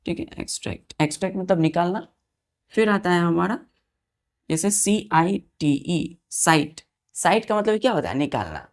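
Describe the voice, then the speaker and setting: A woman's voice: lowish voice, a little mellow. Woman teaching vocabulary. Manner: spells words letter by letter and repeats meanings; asks the children questions and checks they follow. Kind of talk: vocabulary lesson for exam students.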